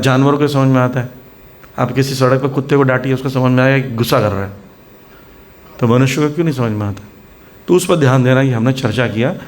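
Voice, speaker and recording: A man giving a devotional lecture as a spiritual teacher. He explains patiently, often checks in with his listeners, and acts out scolding and gentle voices in his examples. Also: mid-range voice.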